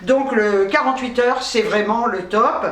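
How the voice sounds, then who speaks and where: A woman's voice: fairly high pitch, unhurried, far from the mic. A woman vlogger chats casually about her groceries, blunt and breezy, swearing without fuss. She sits back from the mic, and the room gives her voice a noticeable echo. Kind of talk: casual haul vlog. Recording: roomy, from off-mic.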